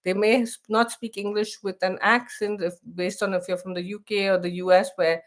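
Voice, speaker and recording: Talking fairly quickly with a flat delivery and medium pitch, an Indian woman chats casually while hosting an expat live stream. She makes many restarts and reads text out loud.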